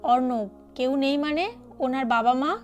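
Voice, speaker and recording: A woman's voice: high voice, steady tone, a little slow, faint music behind. A woman voicing an earnest, protective young man in an audio story. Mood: concerned.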